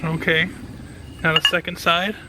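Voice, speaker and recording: A man's voice: on the high side, little pitch movement, measured pace, noisy background. An enthusiastic man giving casual hands-on commentary as a gardening vlogger.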